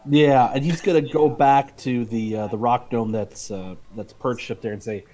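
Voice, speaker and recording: A man playing a tabletop game, narrating his character's actions and lines in a hesitant, deliberate way. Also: medium pitch, fairly even intonation, warm tone.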